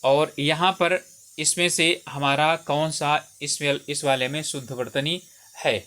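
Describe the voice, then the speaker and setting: A man's voice: fairly high pitch, fairly even intonation, a little slow, sharp tone. A man working as a Hindi exam tutor, taking listeners through spelling questions one by one, repeating each word and often checking in with "theek hai". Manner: explains step by step, repeats words and says "theek hai" often.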